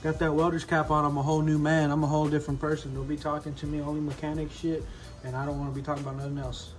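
A man's voice: on the high side, flat delivery, racing, faint music behind. A man in his twenties chatting casually to camera in a garage, swaggering and slangy with heavy swearing. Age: 20s. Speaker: DIY car repair vlogger. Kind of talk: casual vlog chat to camera. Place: home garage with open door.

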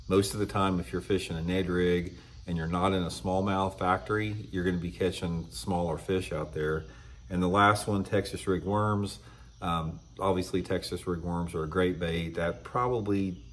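A man in his fifties hosting a fishing channel, talking casually to camera indoors. He is blunt and opinionated and clears his throat often. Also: low-pitched. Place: indoor room with shelves of tackle.

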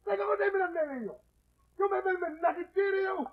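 An actor playing a pushy male customer haggling loudly over a price in a 1970s film. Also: very high voice, fairly even intonation, quick pace, soft background music. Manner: pushy, shouting over others. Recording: dull 1970s film soundtrack.

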